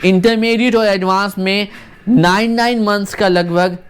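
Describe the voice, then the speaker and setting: Slow, smooth-voiced pronunciation teacher. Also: mid-range voice, fairly even intonation, soft background music. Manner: slow, deliberate demonstration of sounds, repeating them many times; earnest, coaching tone with rhetorical questions to the viewer. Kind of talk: online video lesson.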